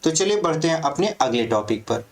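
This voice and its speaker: A man's voice: on the high side, very animated, fairly quick. A man teaching a grammar lesson for exam prep, explaining step by step and often checking that students follow.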